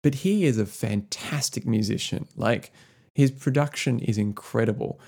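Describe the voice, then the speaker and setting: A man's voice: medium pitch, moderate pace, darkish tone. A man co-hosting a podcast, chatting casually about music, rambling with lots of fillers. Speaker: podcast co-host.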